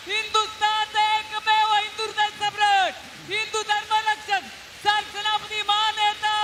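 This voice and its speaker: A man with a Marathi accent announcing at a rally, declaiming long strings of honorific titles in a drawn-out way. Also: extremely high pitch, sharp tone, poor audio. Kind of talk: ceremonial announcing.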